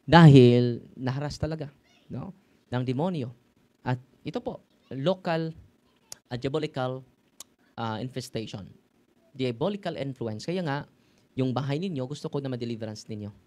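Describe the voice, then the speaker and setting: A priest from the Philippines with a Filipino accent gives an informal sermon to a live audience, chatty and full of tag questions, mixing languages. His middle-pitched voice moves at normal speed with long pauses, now and then bursting into sudden loud, ringing exclamations.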